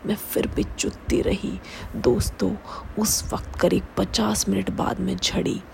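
Gravelly woman narrating in a hushed voice. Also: medium pitch, level tone, measured pace, a little hiss or hum, low-quality recording. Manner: hushed, often half-whispered. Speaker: storyteller. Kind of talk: first-person story narration.

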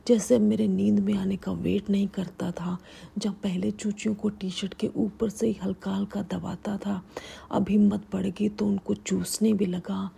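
A woman telling a first-person story in a whispered storytelling style, steady and intimate. Her whisper is extremely breathy and full of gravelly fry, and it sounds dark and mellow throughout. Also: mid-range voice. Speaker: narrator.

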